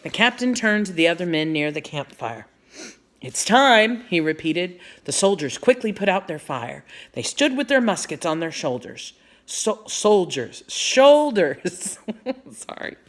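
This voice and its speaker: A woman's voice: low-pitched, very animated, moderate pace. A woman reading a children's chapter book aloud, explaining the story to young listeners as she goes. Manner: warm, explanatory, speaking to children.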